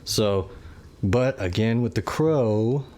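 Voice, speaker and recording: A man's voice: fairly low pitch, slow, darkish tone. Laid-back man hosting a movie review. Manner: easygoing, rambling with fillers. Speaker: podcast host. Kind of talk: casual movie review chat.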